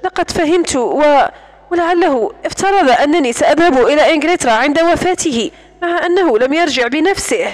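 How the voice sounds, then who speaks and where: A woman voicing a young woman who is shaken and unsure, speaking softly and hesitantly. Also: high-pitched, lively intonation, a little fast. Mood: troubled. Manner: soft, hesitant.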